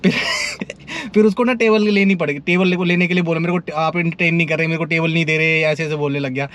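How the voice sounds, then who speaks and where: A man's voice: a little high, steady tone, brisk, fairly bright tone, dry recording. A young man from India with a Delhi Hindi accent, telling a story in a chatty, casual vlog and often calling the viewer "bhai". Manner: chatty, keeps saying "bhai", laughs while telling a story. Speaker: nightlife vlogger. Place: in and around a car on city streets.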